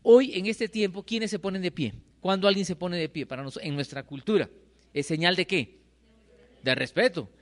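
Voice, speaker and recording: Middle-aged pastor, man, mid-high voice, preaching with questions to the pews. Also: normal speed, big-room sound. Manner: questions the congregation and answers himself. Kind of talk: sermon. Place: church hall.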